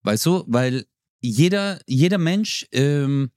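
A man's voice: fairly high pitch, animated, takes it slowly, a little mellow, no echo, studio quality. A man co-hosting a podcast in casual chat, laid-back and slangy, acting out quoted lines as he talks. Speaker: podcast co-host.

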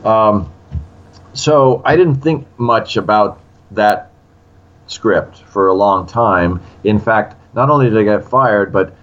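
The audio here is dull as a screenwriter in his sixties, interviewed as a guest, tells an animated story slowly in a lowish voice. He acts out the quotes by putting on other voices.

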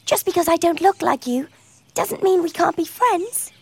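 A woman voicing Thumbelina, a tiny, gentle, polite young girl with a soft, hesitant manner. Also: very high voice, lively intonation, normal speed. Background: music.

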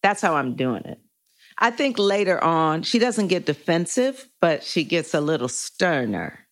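A woman's voice: on the low side, sing-song, unhurried. A woman actor and producer talking casually and thoughtfully about a role she is playing. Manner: thoughtful, searching for words. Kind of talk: casual chat.

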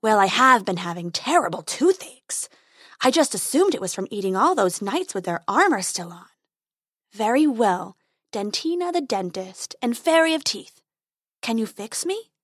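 A woman voicing a huge, grumpy male dragon who booms, then grumbles and sulks. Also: sing-song, fairly bright tone, dry recording, studio quality. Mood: grumbling. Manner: booming, slow and grumbling.

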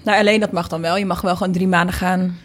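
A woman from the Netherlands, a singer and producer, explains things informally in a casual interview, thinking aloud as she goes. Her voice is lowish and her delivery flat but quick.

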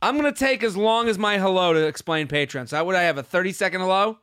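A man with a high, bright voice hosts a comedy podcast. He talks casually and exuberantly to his listeners, repeating himself and hyping himself as he goes. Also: quick pace, clean tone. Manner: exuberant, repetitive, self-hyping.

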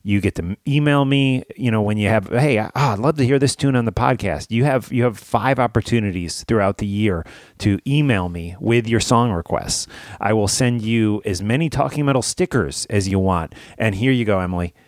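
A man's voice: lowish voice, brisk, no room sound, clean studio sound. A man hosting a podcast in casual chat, rambling with fillers. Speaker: podcast host.

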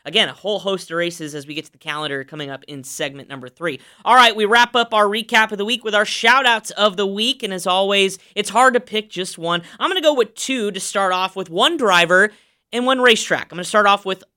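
Guy hosting a racing podcast, bright crisp voice, keeps saying uh, really upbeat. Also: sits high, a little fast. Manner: upbeat, emphatic, many fillers. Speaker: podcast co-host. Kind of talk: racing news recap.

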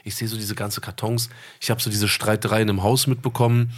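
A man's voice: on the low side, level tone, brisk. A man in his thirties, co-hosting a podcast in casual chat, telling a story at length in a laid-back, slangy way and acting out phone calls. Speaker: podcast co-host.

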